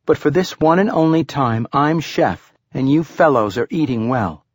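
A man's voice: on the high side, lively intonation, moderate pace, no room sound, pitched above the performer's own voice. Brief: male narrator putting on a spunky young girl, upbeat and in charge, audiobook. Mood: cheerful. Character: spirited young girl, cheerful and bossy.

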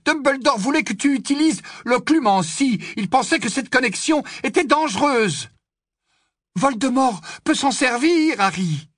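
A man's voice: very high-pitched, expressive, unhurried, fairly bright tone, no room sound, studio quality, pitched above the performer's own voice, full character voice. A man voicing a stern, anxious teenage girl who scolds and urges. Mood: pleading. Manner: scolding, urgent.

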